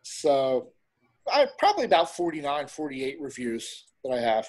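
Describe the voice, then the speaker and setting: A middle-aged man chatting casually as an interview guest, rambling a little and pausing as he goes. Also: medium pitch, big pitch swings, darkish tone. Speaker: interview guest, horror host and film reviewer.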